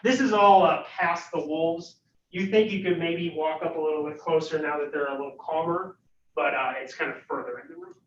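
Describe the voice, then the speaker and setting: A man's voice: fairly high pitch, fairly even intonation, brisk, slight background noise. A man narrating as game master of a tabletop game, hesitant and full of fillers. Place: room at a livestreamed faculty game. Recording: roomy, distant, dull recording.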